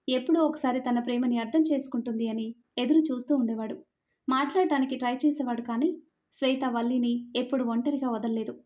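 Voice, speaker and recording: A woman who hosts a story channel, narrating a serialized story in a gentle way and addressing her listeners directly as friends. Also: sits high.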